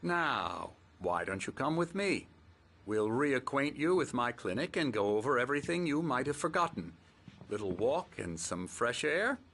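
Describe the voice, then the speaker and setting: Condescending psychiatrist, animated delivery. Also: male voice, medium pitch, moderate pace. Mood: patronising, genial. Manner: patronising, falsely soothing. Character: smooth, condescending, controlling male psychiatrist running a clinic. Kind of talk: dramatic video game dialogue. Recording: music playing behind.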